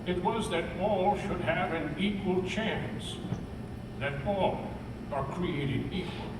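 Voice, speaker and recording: A solemn, dignified old-time statesman giving a slow historical oration in a fairly high male voice. He is measured and oratorical, heard from far off in a very echoey hall with loud music. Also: heavy background noise. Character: Abraham Lincoln, solemn, dignified statesman addressing his countrymen. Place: large theme park theater, music behind.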